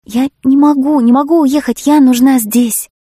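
A woman's voice: sits high, fairly even intonation, moderate pace, dark tone, no echo, clean studio sound, voice pushed up. Woman reading an anguished young heroine. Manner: emotional, protesting. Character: young woman torn between love and duty.

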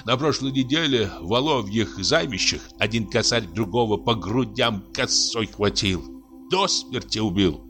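A man's voice: fairly low pitch, unhurried, music in the background. A man voicing a pious, frightened forest warden in a read-aloud story, plaintive and sighing. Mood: fearful.

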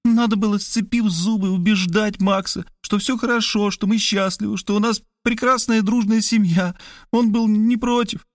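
A man's voice: high-pitched, steady tone, normal speed, no echo, studio quality, voice pushed up. A man reading an audiobook and voicing the narrator's sister, an emotional young woman who talks in a plaintive, sighing, pleading way. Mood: regretful.

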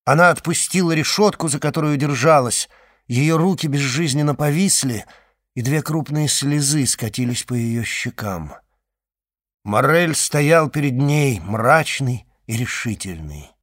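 A man with a medium-pitched voice narrates a classic novel as an audiobook, reading in a measured, expressive way.

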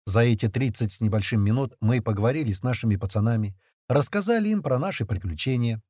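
A man tells a first-person audiobook story in coarse, slangy language, with his voice swinging up and down in a lively way. His voice is husky, and it is recorded dry and close to the mic. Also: mid-range voice, fast, dry recording. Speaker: audiobook narrator.

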